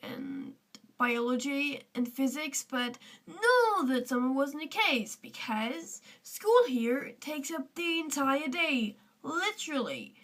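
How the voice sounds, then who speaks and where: A woman's voice: sits high, sing-song, takes it slowly, fairly bright tone, far from the mic. A teenage girl from Austria with an Austrian German accent, chatting casually to camera as a vlogger, rambling with many fillers and restarts.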